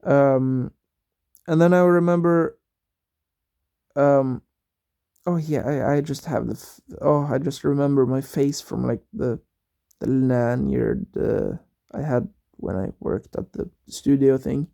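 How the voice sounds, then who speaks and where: A man's voice: mid-range voice, fairly even intonation, slow, creaky, dark tone. A young man telling a rambling, casual story, hesitant and full of fillers and restarts. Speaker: vlogger.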